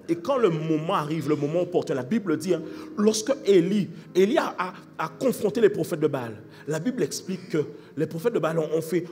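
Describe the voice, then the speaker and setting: A man preaching a sermon as pastor, fervent, shifting from shouted calls to fast, quiet explaining. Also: sits high, in a large hall. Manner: fervent preaching, swings between shouting and rapid quiet talk.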